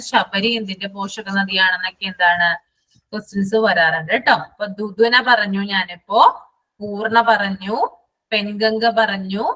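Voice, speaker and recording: A woman teacher, running a live online class and repeating lists slowly so students can write them down. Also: mid-range voice, bright, forceful tone, rough recording.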